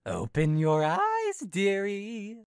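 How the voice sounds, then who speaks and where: A woman's voice: medium pitch, wildly swooping pitch, takes it slowly, darkish tone, clear, resonant tone, no room sound, studio quality, heavily acted. A woman playing a playful, flirty demon jester for a visual novel horror game, teasing and sweetly menacing in a theatrical way. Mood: seductive, menacing. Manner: theatrical, teasing, swinging from singsong chirps to sinister purrs.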